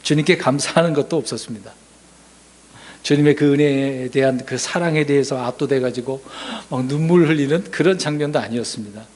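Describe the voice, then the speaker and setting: A man preaching a sermon as pastor, asking the congregation questions and swinging from loud emphasis to hushed asides. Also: mid-range voice, brisk.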